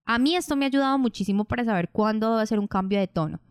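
A woman who hosts a podcast and coaches public speaking, explaining in a calm, measured way. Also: fairly high pitch, smooth, no echo, studio quality. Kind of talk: instructional podcast narration.

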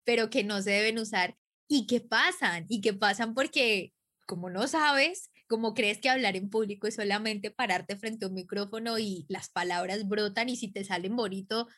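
A woman's voice: mid-range voice, moderate pace, fairly bright tone. A woman hosting an interview, asking long questions with frequent rephrasing and restarts. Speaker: host. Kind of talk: conversational interview.

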